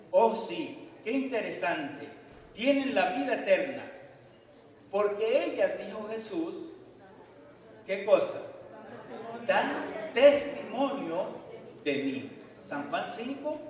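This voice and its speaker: A man's voice: high-pitched, distant mic. A man preaching a sermon as pastor, playful and full of rhetorical questions, heard in a church. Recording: echoey church hall from afar.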